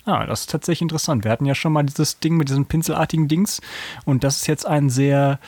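A man's voice: fairly high pitch, quick pace, a little mellow, slightly rough, no room sound. A young man hosting a podcast, chatting casually, reading animal facts aloud and playfully imitating calls. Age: young adult. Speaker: podcast host.

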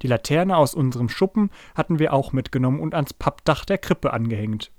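A man hosting a podcast and reading a children's story aloud in a calm, even way. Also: medium pitch, brisk, no echo, studio quality. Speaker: podcast host and story reader.

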